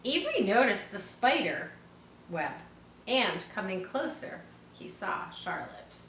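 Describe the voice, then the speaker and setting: Female storybook reader: bright, mid-pitched, expressive, informal, in a roomy-sounding space. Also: takes it slowly, slight background noise. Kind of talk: expressive read-aloud narration for children with casual asides.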